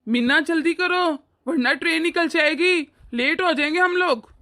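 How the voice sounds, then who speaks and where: A woman voicing a young husband and caring son in a cartoon, gentle and eager to please. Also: very high-pitched, moderate pace. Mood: hurried. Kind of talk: animated cartoon voice acting.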